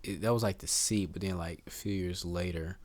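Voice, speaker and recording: A man in his thirties, a podcast guest, talking in an easygoing, halting way, searching for words and saying "man" and "I'ma.". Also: deep voice, fairly even intonation. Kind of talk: casual podcast conversation.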